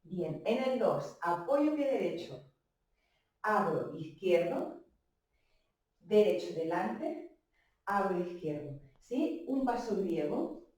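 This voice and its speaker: Slow, mellow Spanish woman teaching dance. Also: medium pitch, big pitch swings, far from the mic. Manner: counts beats aloud, checks in with frequent "¿sí?". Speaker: bellydance teacher. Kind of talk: dance class instruction. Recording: echoey room, voice from away from the mic.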